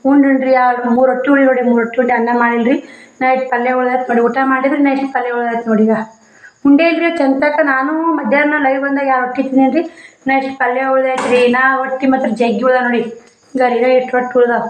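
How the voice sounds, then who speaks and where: A woman's voice: high voice, little pitch movement, quick pace, reverberant, lo-fi sound, slight background noise. A woman, talking plainly to her viewers in a casual daily-life vlog from her village home, repeating herself often. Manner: plain, repetitive, addresses viewers as friends. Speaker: vlogger.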